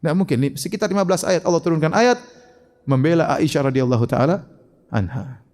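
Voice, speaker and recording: Emphatic high-voiced preacher. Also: male voice, fairly quick, long reverb tail. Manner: emphatic, rhetorical questions, shifting loud and soft. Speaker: Islamic preacher. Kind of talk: religious Q&A lecture.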